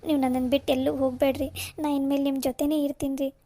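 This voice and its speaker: A young cartoon wife, full of remorse, voiced by a woman. She pleads tearfully in a high, mellow voice. Her delivery stays flat and steady throughout. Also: fast, natural voice. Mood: relieved. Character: young repentant wife, begging forgiveness.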